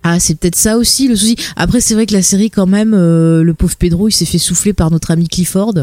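A woman's voice: fairly low pitch, steady tone, fairly quick, darkish tone, no echo. A woman from France, co-hosting a podcast and chatting casually and playfully as she recaps a series. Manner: chatty and playful, drifting into playful voices for characters. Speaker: podcast co-host.

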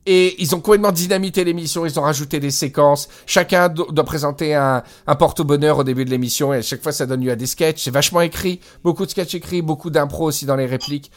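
This man speaks quickly with few pauses, his pitch fairly high, while co-hosting a casual podcast over Skype. Enthusiastic throughout, he still hesitates often and fills in with many fillers.

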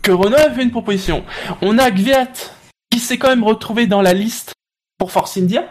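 A man's voice: sits high, moderate pace. A man arguing through hypotheses in a casual panel discussion. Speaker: motorsport talk show panellist.

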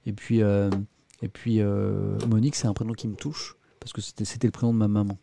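Male live-stream host, warm and mellow tone, dry close sound, chatty, self-mocking. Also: on the low side, little pitch movement, brisk, gravelly, no room sound. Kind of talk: casual live-stream chat.

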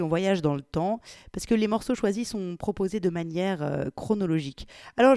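Expressive female reader, mellow voice, lively intonation, dry close sound. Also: mid-range voice, dry recording. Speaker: reader presenting an anthology. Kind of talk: reading a story aloud, then casual commentary.

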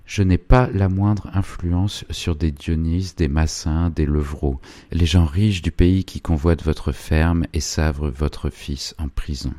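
A man voicing an old village priest with a gently insinuating, persuasive manner, in an audiobook reading. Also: extremely low pitch, slow pace, no room sound. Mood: earnest.

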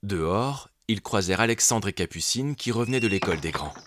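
A man narrating a children's storybook in an expressive, gentle storytelling manner. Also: lowish voice, a little fast, background noise.

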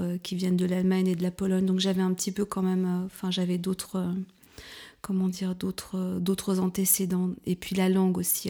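A woman in her fifties from France, speaking as an interview guest in a hesitant way, with many fillers, restarts and soft, half-whispered stretches. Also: on the low side, creaky. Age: 50s. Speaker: guest, couples therapist. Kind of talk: casual interview talk.

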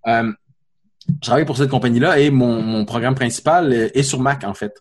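Québécois developer guest, fast and slightly raspy. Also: male voice, medium pitch. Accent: Québécois French. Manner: rapid, stumbling talk with repeated restarts. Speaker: podcast co-host, developer. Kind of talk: casual podcast chat.

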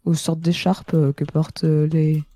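A woman in her twenties with a hoarse, cracked, gravelly voice from a slight cold, chatting casually on a panel. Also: low voice, level tone, unhurried, warm tone, dry recording. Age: 20s. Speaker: podcast panelist reading out reviews. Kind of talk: casual chat.

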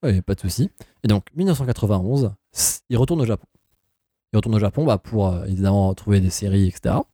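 A man's voice: fairly low pitch, quick pace, warm tone, dry recording, clean studio sound. A man co-hosting a casual chat, eagerly explaining the story with many hesitations and comments of his own. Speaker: podcast co-host.

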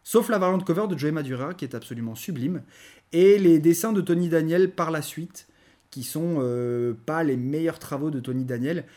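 A man's voice: fairly high pitch, normal speed, warm tone. A man co-hosting a podcast, ranting animatedly in casual chat with frequent stammering restarts. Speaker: podcast co-host reviewing comics.

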